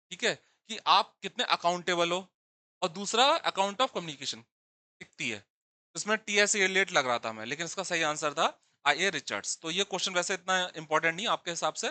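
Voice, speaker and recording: A man lectures on English literature for exam students, repeating key terms and posing questions he then answers himself. His voice is bright and lively, swinging up and down in pitch. The recording is dry and close, with almost no room sound. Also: no room sound.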